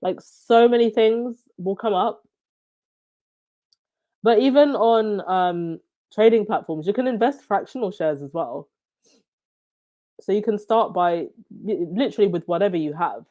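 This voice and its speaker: Woman from zambia w a stuffy nose, mellow voice, chatting to her stream, kinda dull lo-fi mic. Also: medium pitch. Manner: chatty, reacts with quick laughs and "wow". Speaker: livestream host reading viewer comments. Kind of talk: casual chat.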